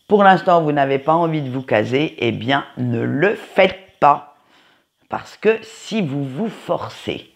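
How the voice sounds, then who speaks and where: A tarot card reader with a noticeable accent gives a casual weekly forecast from home by a window, in an unhurried, sing-song manner. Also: mid-range voice, vocal fry, husky. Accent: non-standard French accent, kind not stated. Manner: unhurried, sing-song, frequent "hein" tags. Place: home, by a window facing a tree.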